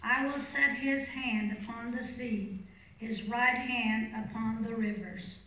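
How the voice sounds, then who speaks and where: A woman's voice: on the high side, steady tone, slow, fairly bright tone, slight background noise. A woman reading scripture formally as a lector at Mass. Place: large reverberant church. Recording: very echoey church, distant mic.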